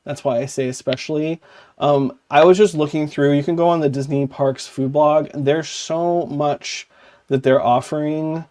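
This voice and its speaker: A man's voice: fairly high pitch, fairly even intonation, normal speed, a little mellow. A man co-hosting a podcast in a casual, chatty way. He rambles, fills his talk with "like" and often corrects himself mid-sentence. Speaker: podcast co-host.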